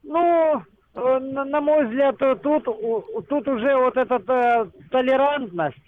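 A man calling a radio show over a phone line, halting and stammering over his words. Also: extremely high pitch. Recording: tinny narrow phone line.

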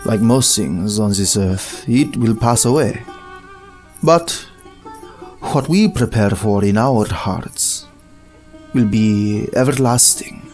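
A man playing a kindly, wise old religious elder who speaks calmly and gently in an audio drama. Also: lowish voice, takes it slowly, faint music behind. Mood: gentle, instructive.

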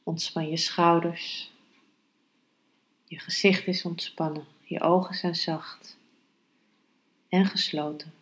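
Slow-paced woman teaching yoga and meditation. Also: fairly low pitch, flat delivery, rough recording. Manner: slow, measured, unhurried delivery with pauses. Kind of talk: calm instructional podcast and guided meditation.

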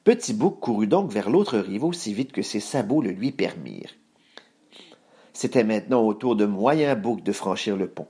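A man reading a children's story aloud, expressive, voicing sound effects. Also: lowish voice, normal speed, husky.

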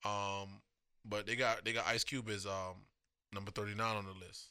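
A man co-hosting a podcast, talking in loose, profane, animated banter while he has the hiccups. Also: on the low side, moderate pace, clear, resonant tone, dry recording, clean studio sound. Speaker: podcast co-host. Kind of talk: casual chat.

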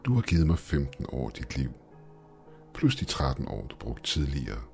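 A man's voice: a bass voice, big pitch swings, creaky, darkish tone, soft background music, heavily acted. A man voicing a mocking, goat-legged male demon shopkeeper in a horror story. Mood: gloating. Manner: smug, taunting, hissing.

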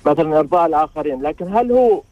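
A man's voice: on the high side, animated, racing, no echo. Hesitant man over the phone. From Saudi Arabia. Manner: hesitant, many fillers. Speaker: radio caller. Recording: lo-fi dry phone line.

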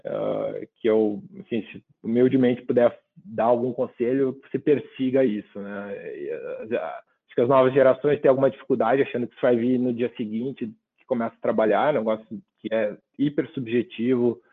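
Heard through a phone-like narrow line, this man from southern Brazil reflects thoughtfully as an interview guest, frequently ending sentences with tag questions. He has a medium-pitched, slightly breathy voice and a moderate pace.

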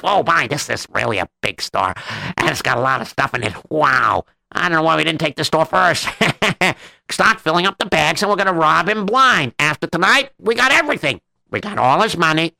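A man's voice: a little high, expressive, moderate pace, gravelly, sharp tone, no echo, pitched above the performer's own voice, exaggerated voice. A man voicing a greedy, scheming swindler who talks his way into a store and gloats over robbing it. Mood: gloating. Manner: wheedling, gloating. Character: greedy scheming male swindler, smooth-talking.

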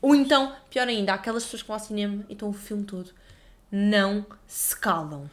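A woman's voice: medium pitch, fast. A young woman, chatting casually and giving opinions in slangy speech as a podcast co-host. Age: young adult. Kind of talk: casual chat.

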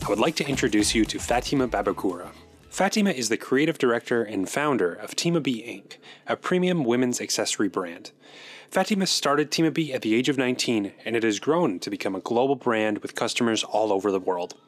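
A man's voice: medium pitch, animated, brisk. Male host voice-over, scripted read, guitar music running underneath. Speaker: narrator host. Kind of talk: scripted narration.

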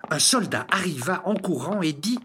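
A storyteller reading a children's fairy tale aloud in an expressive, scripted narration. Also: medium pitch, moderate pace, a little hiss or hum. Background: music.

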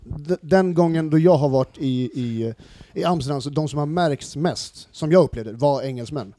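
A man's voice: a little high, dark tone. A man co-hosting a casual podcast, talking in long, searching sentences with restarts. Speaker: podcast co-host. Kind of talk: casual chat.

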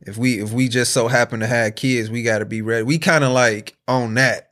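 A young American man chatting casually in slang, haltingly repeating himself as he works through his thoughts. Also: medium pitch, steady tone, a bit bright. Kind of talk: casual chat.

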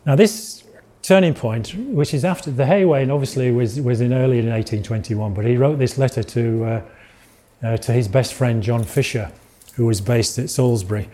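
A man's voice: medium pitch, dark tone. A middle-aged man with a Yorkshire accent giving an illustrated lecture, rambling with restarts and asides.

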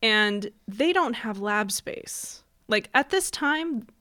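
A woman's voice: a little high, expressive, slow pace, bright, forceful tone. A woman co-hosting a casual podcast, telling a history story in a chatty way and laughing often.

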